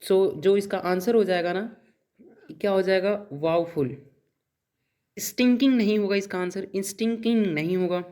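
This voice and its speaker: Man quizzing students through a vocabulary lesson. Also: high voice. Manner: asks the class a question, then answers it himself; mixes in English words and spells them out letter by letter. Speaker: English teacher. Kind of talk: exam-prep vocabulary lesson.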